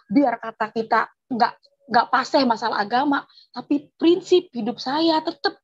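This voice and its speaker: A woman telling her personal religious testimony in an animated, emotional way, on a dull lo-fi recording. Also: fairly high pitch, normal speed, breathy edge. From Indonesia. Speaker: testimony giver.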